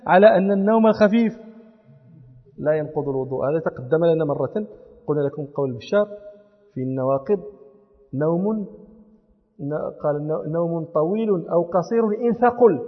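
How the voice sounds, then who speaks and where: A man's voice: high-pitched, slightly rough. A man teaching a class on religious law and grammar, explaining step by step and quizzing his students. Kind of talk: classroom lecture. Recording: lo-fi recording in a reverberant hall.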